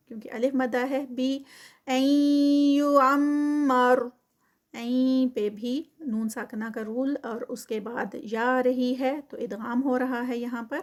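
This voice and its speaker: A woman teaching Quran tajweed, reciting slowly and drawing out the words, then explaining the rules quickly. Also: a little high, a little mellow. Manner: slow drawn-out recitation between quick explanations. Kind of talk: tajweed lesson.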